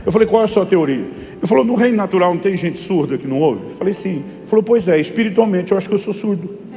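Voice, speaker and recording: A man's voice: sits high, lively intonation, fast talker, dark tone. A middle-aged Brazilian man preaching as a pastor, telling stories and acting out both sides of a conversation in a Brazilian Portuguese accent. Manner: storytelling preacher who acts out dialogue. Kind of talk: sermon. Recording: long hall reverb with music behind.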